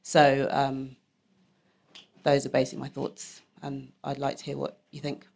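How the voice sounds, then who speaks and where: A woman's voice: very deep voice, monotone, unhurried, creaky, a little mellow, husky. A woman from London, an audience member asking a question from the floor in a chatty, rambling way, full of ums. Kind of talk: question from the floor at a live talk.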